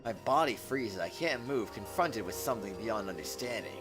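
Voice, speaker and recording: A man with a lowish, animated voice streams a visual novel game at a moderate pace, dramatically reading the narration aloud and tossing in casual, joking commentary. Loud game music plays behind his voice.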